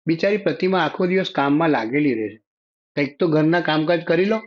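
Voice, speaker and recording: A man's voice: on the high side, animated, a little fast, natural voice. A man reading the lines of a harsh, impatient adult son in a narrated story, with a curt, ordering tone. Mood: scolding. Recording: dull lo-fi audio.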